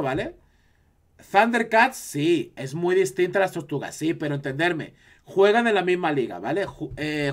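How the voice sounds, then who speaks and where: Man, Spanish accent, higher voice, casual live-stream chat, animated. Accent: Spanish from Spain. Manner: chatty, animated, reacting to chat.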